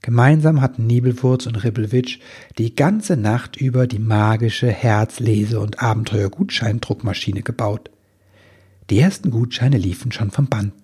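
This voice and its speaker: A man reading a Christmas children's story aloud in a lively storytelling manner. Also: medium pitch, a little slow, breathy edge.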